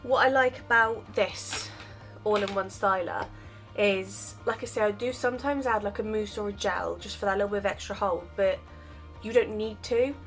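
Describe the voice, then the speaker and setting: Faint music plays behind a woman with a medium-pitched, slightly bright voice talking at a normal speed. She's a hair vlogger giving a chatty, self-deprecating tutorial on styling her wavy hair, explaining while doing it, her voice freshly recovered from illness.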